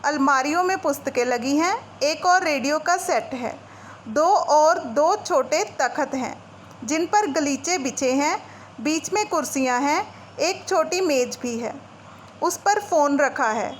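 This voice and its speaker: A woman with a high voice teaches a school lesson, reading a short play aloud and then going back over it in relaxed, everyday words. A faint hiss sits behind her. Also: slow pace. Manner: reads a passage then retells it in casual Hindi-English mix.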